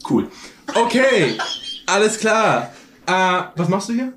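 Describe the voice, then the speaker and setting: A man playing a tabletop role-playing game, brash and quick to swear and laugh. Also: sits high, sing-song, a bit bright, reverberant, a little hiss or hum. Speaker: player. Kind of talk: casual tabletop role-play.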